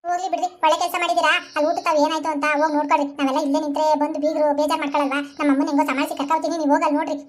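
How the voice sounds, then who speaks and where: A woman voicing a young wife in an animated comedy who talks quickly and anxiously and scolds her husband. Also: high-pitched, natural voice. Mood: flustered. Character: young wife torn between husband and mother.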